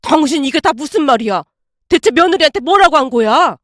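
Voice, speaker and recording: A woman's voice: sits high, expressive, a little fast, a bit bright, dry recording, studio quality. A woman voicing a stern older father-in-law who scolds his wife. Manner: stern, demanding.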